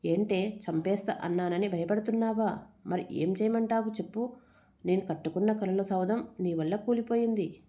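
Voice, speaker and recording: A woman's voice: mid-range voice, normal speed, warm tone, close to an everyday voice. A woman reading a storybook, voicing a cruel young male villain who taunts and threatens. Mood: sneering. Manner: sneering, threatening.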